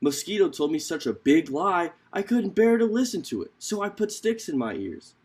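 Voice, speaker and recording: A man's voice: high voice, big pitch swings, moderate pace, darkish tone. A man voicing a flustered male iguana in a storybook, protesting his innocence in exasperation.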